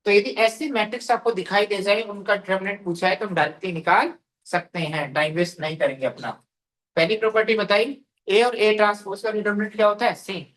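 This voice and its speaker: Teacher, male, fairly high voice, classroom drill style: repeats, quizzes, answers himself. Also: fairly quick, a bit bright. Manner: drilling, asks questions and answers them, repeats phrases; calls students "beta". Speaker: math teacher. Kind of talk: classroom lecture. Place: classroom with a board.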